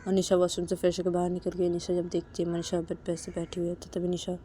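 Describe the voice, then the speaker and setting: A woman's voice: fairly low pitch, monotone, warm tone, slight background noise. A woman narrating a romance story in a casual, plain, repetitive retelling. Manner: slow, plain recounting with repeated phrases.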